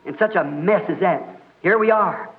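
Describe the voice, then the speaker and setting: A man preaching a fervent sermon, impassioned and folksy, breaking into shouts. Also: sits high, a little slow. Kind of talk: fiery old sermon recording. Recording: dull lo-fi archive tape.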